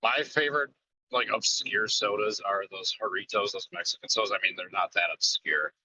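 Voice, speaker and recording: A man's voice: fairly low pitch, normal speed, bright, forceful tone, breathy edge, no echo, poor audio. A man from the American Midwest calling in to a podcast, chatting enthusiastically and swearing casually. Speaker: caller. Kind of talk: casual chat.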